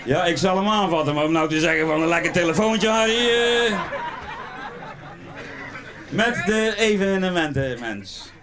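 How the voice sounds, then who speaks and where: A man's voice: sits high, lively intonation, measured pace, long pauses, crowd noise. A man performing a rambling comic carnival monologue, talking straight to the audience as he tells his stories. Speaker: carnival comedian.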